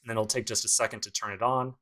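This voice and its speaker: A man's voice: on the low side, fairly even intonation, fast talker, a bit bright, rough recording. Casual male coding instructor. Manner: casual, dry sarcastic asides. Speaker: programming instructor. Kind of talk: screencast coding tutorial.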